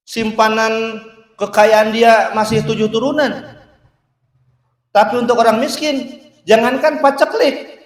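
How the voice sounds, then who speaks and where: Slow-paced preacher telling a story. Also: male voice, very high-pitched. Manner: lively, joking, addresses listeners as Pak. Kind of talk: Islamic sermon storytelling. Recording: roomy, distant mic.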